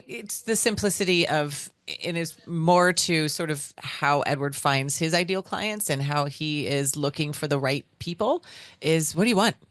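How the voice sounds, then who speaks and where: A woman co-hosting a podcast, talking in an animated, affirming way. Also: deep voice, a little slow, no echo. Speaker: podcast co-host. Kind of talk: casual chat.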